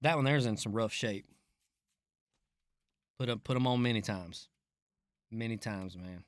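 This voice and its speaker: A man's voice: lowish voice, a little slow, dry recording. A middle-aged man giving casual, unscripted commentary as a former rig worker, in a folksy, slangy and profane way. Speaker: reaction video host, former oil rig worker.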